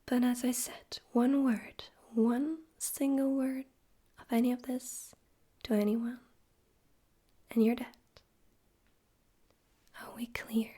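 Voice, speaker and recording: Whispering softly and breathily, a woman portrays a smug, theatrical male demon overlord for an ASMR roleplay, teasing and talking down in a deliberate way. The voice is on the high side with little pitch movement. It comes across as composed yet menacing.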